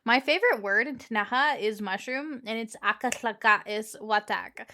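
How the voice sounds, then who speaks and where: A woman playing a tabletop game, rambling and giggly as she talks. Her voice is somewhat high and bright with a forward edge. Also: normal speed. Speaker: player. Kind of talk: casual tabletop play.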